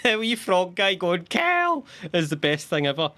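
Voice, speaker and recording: A man's voice: high voice, normal speed, fairly bright tone. A man joking his way through a live gameplay stream with sarcastic, rambling commentary. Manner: jokey, sarcastic, talks to himself. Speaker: streamer playing a game.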